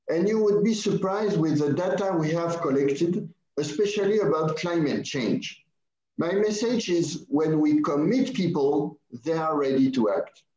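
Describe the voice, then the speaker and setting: A man's voice: on the high side, warm tone, reverberant, dull audio. French-accented man giving a formal speech. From France. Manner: measured, formal address. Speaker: conference speaker.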